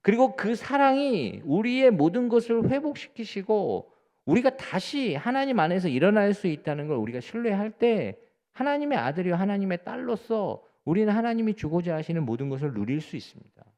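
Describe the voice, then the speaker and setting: A man's voice: very animated, a little fast, big-room sound. A man preaching a sermon as pastor, speaking earnestly to the congregation and repeating words for emphasis. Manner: earnest preaching with rising emphatic peaks and soft low endings; addresses the congregation directly, often repeating words.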